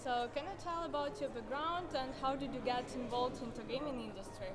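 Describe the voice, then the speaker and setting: A woman interviewer with a somewhat high voice asks questions briskly, with short "uh" pauses. Loud music plays behind her throughout. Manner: brisk, hesitant fillers, short acknowledgments. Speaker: interviewer, media co-founder.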